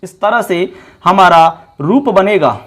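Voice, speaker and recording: A man's voice: high voice, lively intonation, takes it slowly, fairly bright tone. A man teaching a Sanskrit grammar class at a board. He explains step by step, repeats key terms and calls his viewers friends.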